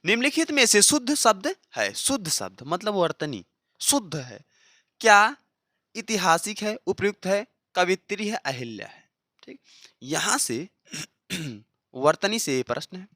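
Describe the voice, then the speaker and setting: A teacher running an exam-prep lesson, who reads each answer option aloud as a question, checks in with frequent "okay"s, and repeats key answers slowly for drilling. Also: medium pitch, big pitch swings, sharp tone, no echo, studio quality. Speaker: Hindi teacher for exam preparation.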